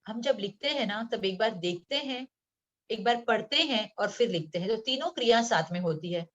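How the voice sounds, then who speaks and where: A woman teacher from Mumbai giving a slow, patient lesson to young children, reading words one by one and often checking in with the class. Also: mid-range voice, expressive. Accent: Mumbai Hindi. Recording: dull lo-fi sound.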